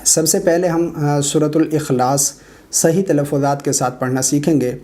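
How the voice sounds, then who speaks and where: A man, middle-aged, giving a brisk explanatory online lesson on correct recitation, pausing with drawn-out 'aa' sounds. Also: a little high, steady tone, warm tone. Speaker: religious teacher of prayer recitation.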